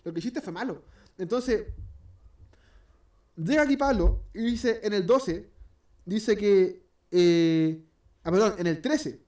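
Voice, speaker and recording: A man's voice: high voice, expressive, takes it slowly, long pauses, a little mellow, recorded from a distance. A man with a Chilean accent preaching an informal sermon in a church, rambling and hesitant with many restarts, and joking as he acts out little scenes. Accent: Chilean Spanish.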